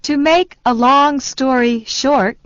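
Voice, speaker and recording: A woman slowly and deliberately repeating short phrases for learners in a language lesson. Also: high voice, no echo. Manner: very slow, deliberate delivery. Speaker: phrase reader. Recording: dull lo-fi dry sound.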